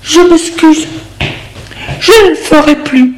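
A man voicing a frightened, desperate woman who pleads in a high, breathless voice. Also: a little slow. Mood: pleading. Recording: noisy background with passing vehicles.

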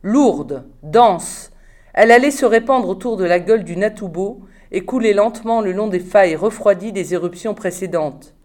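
A woman reads a novel aloud in a calm, measured voice. Her narration is steady and clear. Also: mid-range voice. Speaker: audiobook reader.

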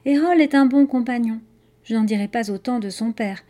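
A woman's voice: fairly high pitch, normal speed, dark tone, lightly acted. Jabot, a blunt talking crow, read by a woman. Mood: knowing. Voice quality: rattly voice.

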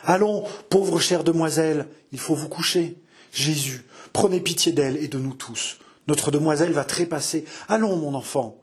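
A man voicing an old, weeping nursemaid who coaxes and pleads in a slow, tearful voice. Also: fairly high pitch, natural voice. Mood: coaxing.

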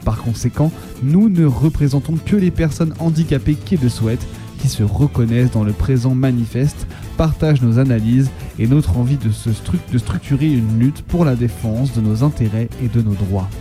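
A man's voice: medium pitch, normal speed, warm tone, soft background music. A man reading a manifesto aloud in a formal, declarative manner.

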